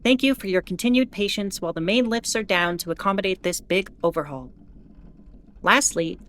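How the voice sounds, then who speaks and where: A woman playing a starship captain who gives formal, measured bulletins with dry asides in an audio drama. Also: medium pitch, lightly acted. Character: female starship captain reading an official ship bulletin. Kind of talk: scripted in-character announcement, audio drama.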